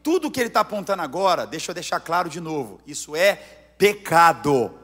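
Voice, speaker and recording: High-voiced Brazilian pastor preaching, big reverb. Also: male voice, big pitch swings, quick pace, breathy edge. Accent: Brazilian Portuguese. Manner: emphatic preaching, swinging between hushed and near-shouted lines. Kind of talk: sermon. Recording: long hall reverb.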